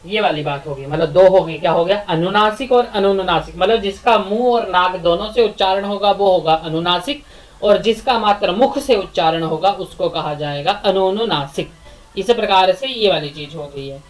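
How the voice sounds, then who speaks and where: A woman giving a recorded Sanskrit grammar lecture. She explains step by step, repeats herself, asks rhetorical questions and chants verses in a measured rhythm. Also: fairly low pitch, low-quality recording.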